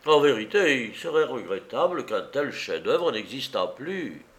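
A man voicing a calm, courteous gentleman thief who answers with polite mock courtesy. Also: mid-range voice, measured pace.

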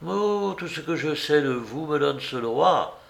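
A man reading a novel aloud voices a proud young woman who hurls bitter, vehement accusations, slowly and with a creaky grain. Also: medium pitch, fairly bright tone. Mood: scornful, indignant. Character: proud, scornful young woman, furious heiress.

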